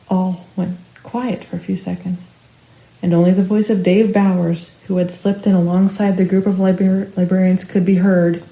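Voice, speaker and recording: A woman's voice: medium pitch, echoey room, rough recording. Woman narrating a ghost story. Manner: expressive, rising with the action. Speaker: storyteller for a library.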